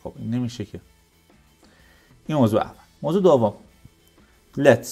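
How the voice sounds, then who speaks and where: A man at a middle pitch walks through code in a screen-recorded tutorial, asking a question and then answering it himself. Faint guitar music plays quietly behind his voice. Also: expressive, creaky, husky. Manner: explains step by step, asks and answers his own questions. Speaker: programming teacher.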